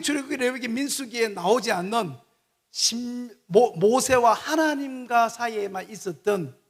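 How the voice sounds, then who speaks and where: Impassioned high-voiced male preacher. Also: fairly bright tone. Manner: impassioned, leads congregation in call-and-repeat. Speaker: guest preacher, missionary. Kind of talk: sermon. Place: church sanctuary. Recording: long church reverb.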